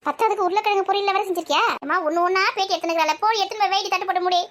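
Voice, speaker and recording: A woman's voice: very high voice, a bit bright. A woman, playing a village housewife who nags and scolds in everyday family banter. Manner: scolding, nagging, quick back-and-forth.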